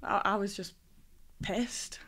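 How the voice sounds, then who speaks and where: A woman's voice: medium pitch, steady tone, takes it slowly, fairly bright tone. A woman in her twenties with a north-east English accent, chatting frankly and matter-of-factly as a podcast guest. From Durham, north-east England. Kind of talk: casual chat. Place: small podcast studio. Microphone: close desk microphone.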